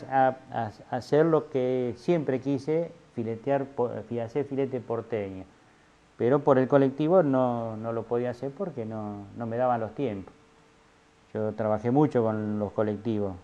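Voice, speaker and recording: A man's voice: medium pitch, warm tone. A middle-aged man from Santa Fe with an Argentine accent, telling his story as an artisan with many fillers and restarts. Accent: Argentine Spanish. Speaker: filete artisan. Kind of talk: casual interview testimony. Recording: dull lo-fi audio.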